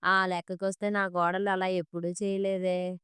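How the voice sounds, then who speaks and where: Woman doing a middle-aged mother-in-law, scolding, complaining, low flat voice, dry close sound. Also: normal speed, clear, resonant tone, no echo, close to an everyday voice. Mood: regretful.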